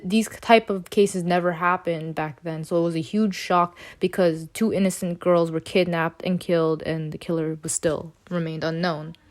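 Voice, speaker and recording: Low-voiced young woman, halting delivery. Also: a little mellow. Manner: halting, many fillers and restarts. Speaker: student co-presenter. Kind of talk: unscripted case summary.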